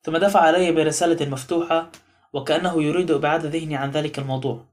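A man narrating an audiobook novel in a measured storytelling manner. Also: a little high, steady tone, darkish tone. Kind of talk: scripted narration.

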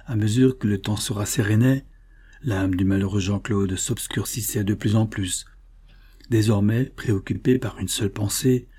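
Male audiobook narrator; dark, mellow and husky, measured literary reading. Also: on the low side.

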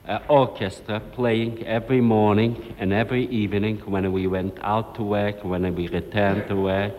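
A man giving testimony in a halting way, with long pauses, in an old archival recording. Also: fairly low pitch, little pitch movement, a little mellow. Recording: old archival recording in a large hall with faint noise.

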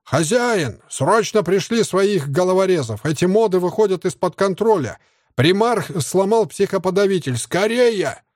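Giggly sadist surgeon on drugs, cheerful and whiny, pitched up, voiced by a man; dry close audiobook read. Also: animated, moderate pace, a little mellow, dry recording. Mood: panicked. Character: drug-addled male surgeon henchman, giggling sadist. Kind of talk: audiobook character voice.

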